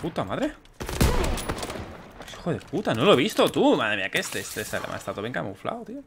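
Excitable, swearing gamer man. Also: mid-range voice, brisk, gravelly, a little hiss or hum. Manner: excitable, swears often, exclaims mid-game. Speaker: gaming YouTuber. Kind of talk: let's play commentary.

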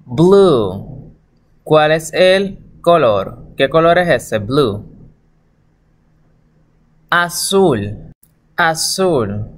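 A man's voice: mid-range voice, a bit bright. A male teacher giving a patient lesson to young children, repeating each word and often checking with the class. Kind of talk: slow classroom instruction for children.

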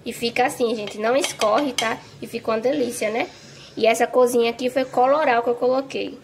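Speaking fairly fast in a fairly high, fairly even voice, a woman walks through a home recipe in her kitchen for her vlog, chatty and repeatedly checking in with viewers. She tags phrases with "tá?" and "gente", and there's a little hiss or hum.

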